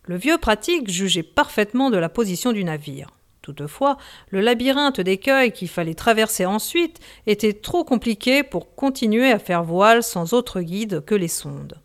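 Woman reading a sea novel aloud. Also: mid-range voice. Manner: measured, expressive reading. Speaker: audiobook narrator. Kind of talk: scripted narration of a novel.

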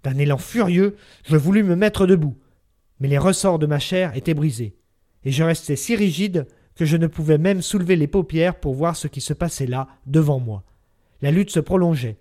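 A man reads classic fiction aloud in a measured, expressive narration. His voice sits somewhat high for a man. The delivery is that of a radio reading. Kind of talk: scripted literary narration.

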